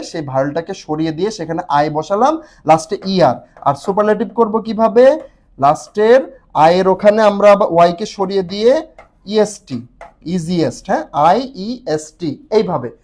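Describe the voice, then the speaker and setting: A young man with a Bangladeshi accent tutors an admission test prep class on a live stream, explaining step by step and repeatedly urging viewers to comment. His high voice has lively intonation, a normal speed, and a slightly mellow quality.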